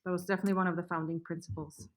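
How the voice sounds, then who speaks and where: A woman's voice: on the low side, flat delivery, very fast. A woman from Austria speaking as a podcast guest, adding short plain remarks. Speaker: guest, vineyard owner. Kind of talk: casual interview.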